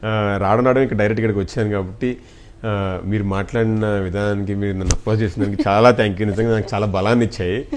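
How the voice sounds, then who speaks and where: In a lowish voice with fairly even intonation and a quick pace, a Telugu-accented film actor chats through an interview, mixing Telugu and English. He comes across as earnest and full of gratitude.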